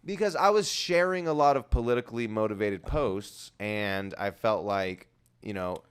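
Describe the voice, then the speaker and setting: A young man co-hosting a casual talk stream, rambling and animated with lots of restarts. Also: on the low side, normal speed, clear, resonant tone. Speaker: podcast co-host. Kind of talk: casual chat.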